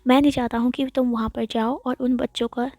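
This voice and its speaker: A woman's voice: a little high, level tone, brisk, a little mellow, no room sound. A woman doing a cheeky, vain young man. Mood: teasing. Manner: mocking, teasing tone. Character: cheeky, teasing young man, vain about his looks.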